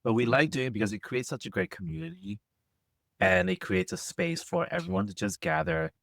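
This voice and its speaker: A young man co-hosts a podcast in casual, matter-of-fact chat, slipping in teasing remarks. His pitch moves freely over a gravelly texture, and his voice sounds close and dry. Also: very animated, fairly quick, a bit bright, no echo. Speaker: podcast co-host.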